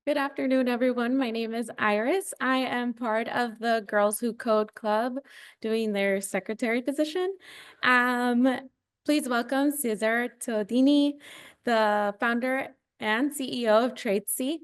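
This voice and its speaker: A woman's voice: a little high, steady tone, measured pace, clean tone. A young woman, a student club secretary, carefully reading an introduction for a speaker. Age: young adult.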